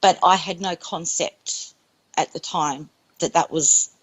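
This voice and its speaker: A woman's voice: lowish voice, takes it slowly, slightly rough, poor audio. A woman giving an earnest, emphatic personal testimony in an interview. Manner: earnest, emphatic, repeats herself. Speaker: interviewee recounting a near-death experience.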